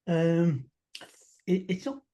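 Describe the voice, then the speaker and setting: Man, halting, fairly high voice. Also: dark tone. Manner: halting, many restarts and fillers. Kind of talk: casual conversation.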